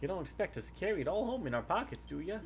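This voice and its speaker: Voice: mid-range voice, big pitch swings, racing, background noise, pitched above the performer's own voice. A performer voicing a chatty, helpful old prospector miner with a folksy drawl, reading video game dialogue.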